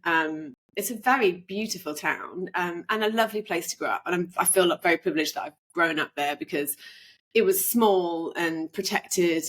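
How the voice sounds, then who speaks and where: Woman from england, low-ish voice, rambling chatty podcast guest. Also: fairly bright tone. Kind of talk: casual interview chat.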